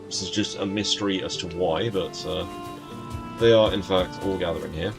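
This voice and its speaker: A man streaming a game, a little hoarse as he loses his voice, rambling casually and teasing the creatures on screen. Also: low voice, normal speed. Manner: rambling, muttering to himself, teasing the game's creatures. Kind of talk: casual gameplay commentary. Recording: music in the background.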